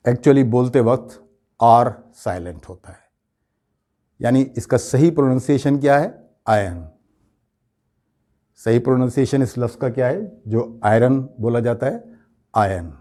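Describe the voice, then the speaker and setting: Male English tutor, unhurried drilling delivery, relaxed dark tone. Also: medium pitch. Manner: slow, explanatory, repeats words to drill pronunciation. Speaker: English teacher. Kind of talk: spoken grammar lesson.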